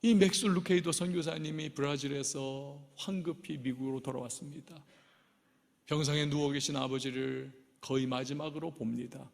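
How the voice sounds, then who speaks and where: A man pastor preaching a sermon, telling the story dramatically and swinging between soft and loud. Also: on the high side, fairly even intonation, moderate pace, creaky. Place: large church sanctuary. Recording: long reverb of a church hall.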